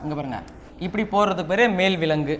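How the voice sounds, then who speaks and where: A man's voice: on the high side, fast, a bit bright. A man teaching a Tamil class with a Tamil Nadu accent, repeating key points and quizzing his students. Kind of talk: classroom lesson. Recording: noisy classroom recording.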